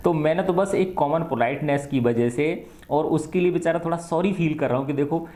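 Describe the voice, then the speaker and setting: A male teacher explaining an English play in Hindi, reading English lines slowly and then explaining them with rhetorical questions. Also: on the high side, dark tone. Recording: echoey room.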